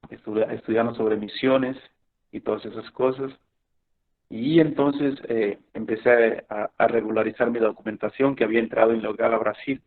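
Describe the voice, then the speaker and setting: A middle-aged man giving a personal testimony, telling his story in a halting way with many fillers and restarts. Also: on the low side. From Colombia. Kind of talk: spoken testimony to a youth meeting. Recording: tinny phone-like recording.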